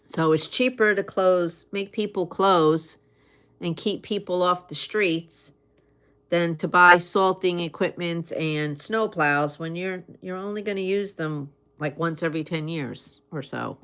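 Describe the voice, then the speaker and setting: A woman chatting casually in an unhurried, conversational way, with pauses as she replies to listeners. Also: lowish voice, a bit bright, smooth. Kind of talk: casual chat.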